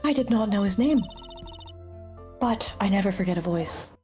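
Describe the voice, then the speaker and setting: A woman voicing a poised, solemn lady in a video game, speaking formally and in a measured way. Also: mid-range voice, lively intonation, warm tone, natural voice. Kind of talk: video game dub reading. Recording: music under the voice.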